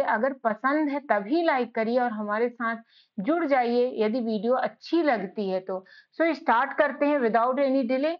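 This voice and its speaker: Female teacher, high voice, patient, spells letter by letter, muffled lo-fi sound. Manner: patient, repeats and checks with "ठीक है?"; spells letters out slowly, one by one. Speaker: English teacher. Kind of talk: beginner English lesson.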